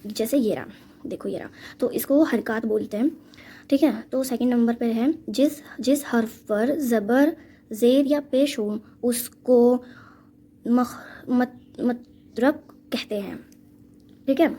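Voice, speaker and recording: Woman teaching recitation in a dark voice. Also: on the high side. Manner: patient, repeats "ठीक है" and drills letter sounds slowly. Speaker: Quran reading teacher. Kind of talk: step-by-step recitation lesson.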